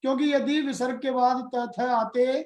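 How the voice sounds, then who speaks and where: A man gives a grammar lesson at an unhurried, measured pace. He breaks each rule into small steps and asks his students questions as he goes. His voice carries a roomy echo. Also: very high-pitched, steady tone, darkish tone. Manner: slow, deliberate explaining with questions to students. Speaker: Hindi grammar teacher. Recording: roomy echoey room.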